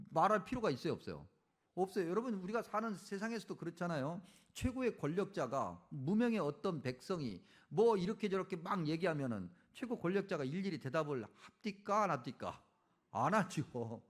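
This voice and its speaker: A male pastor giving a sermon and acting out the speeches from the Bible. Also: high voice. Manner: animated, dramatizing Bible speeches. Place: church.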